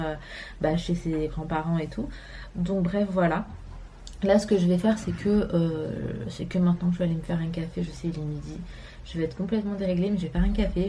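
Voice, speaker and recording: Chatty young woman with a mellow voice. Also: fairly low pitch, a little hiss or hum. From France. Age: 20s. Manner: chatty, rambling with many fillers. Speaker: vlogger. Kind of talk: casual chat to camera. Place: home, indoors.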